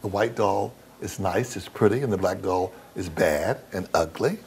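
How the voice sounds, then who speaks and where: In an interview, a man with a low, slightly mellow voice speaks candidly and bluntly at normal speed, with vocal fry. He emphasizes his words and repeats phrases to drive the point home, over some background noise.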